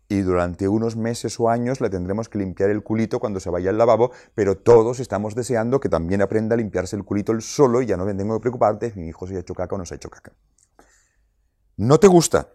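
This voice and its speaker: A man's voice: fairly low pitch, dark tone, no echo, studio quality. A man with a Spain Spanish accent giving a talk to parents, emphatic and repeating his points for effect. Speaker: parenting speaker. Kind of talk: lecture to parents.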